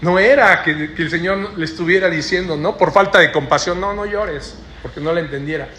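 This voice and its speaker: A man's voice: a little high, a little fast, bright, forceful tone, slight background noise. A man preaching a sermon to a congregation in church, often ending his phrases with a questioning "¿no?". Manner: tags sentences with rhetorical "¿no?".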